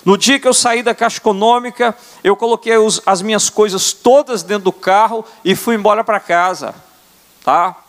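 An older man from Brazil preaching a sermon as apostle, earnest, often adding quick tag questions. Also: sits high. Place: church sanctuary. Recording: church hall reverb.

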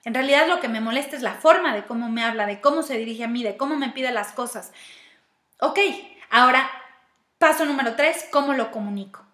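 Brisk, bright, and forceful, her voice sits on the high side. She is a Mexican-accented woman giving a reflective personal-growth talk, walking through steps and wondering aloud to herself, and the recording has a roomy echo.

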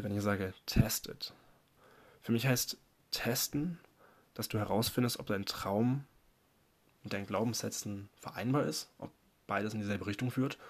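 Male podcast host, slightly low and breathy voice, earnest motivational monologue addressed to the listener. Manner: earnest, coaching, speaks directly to the listener.

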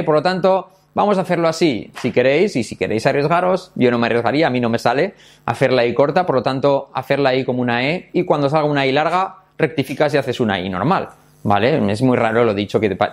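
A man from Spain with a Spain Spanish accent, teaching English in a casual online lesson, lively and playful, repeating words in mock English accents. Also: medium pitch.

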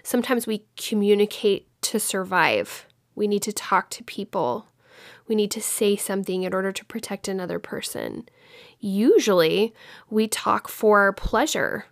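A woman's voice: medium pitch, a little slow, dry recording, studio quality. A woman in her thirties from Texas gives an informal talk on communication, explaining with personal stories. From Dallas-Fort Worth area, Texas. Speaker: speaker on communication.

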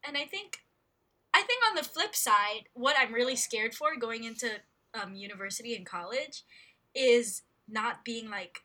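A young woman in her late teens co-hosting a casual podcast chat, animated and quick to react. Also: on the high side. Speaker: podcast co-host.

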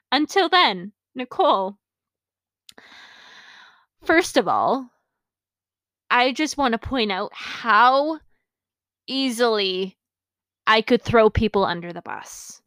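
A woman's voice: on the high side, lively intonation, takes it slowly, long pauses, a bit bright, dry recording. A woman hosting a podcast, reading her childhood journal entries aloud and breaking off for amused, self-mocking comments and laughs. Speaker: podcast host.

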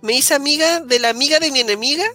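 A woman's voice: sits high, fast, pushed and bright, soft background music. A young woman with a Chilean accent, co-hosting a podcast in casual chat, rambling through restarts and local slang. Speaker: podcast co-host.

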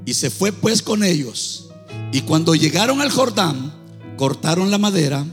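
A male pastor preaching a sermon in a church, in a fervent, half-sung delivery that rises into shouts. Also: fairly high pitch, animated, measured pace, long reverb tail, faint music behind. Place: church sanctuary.

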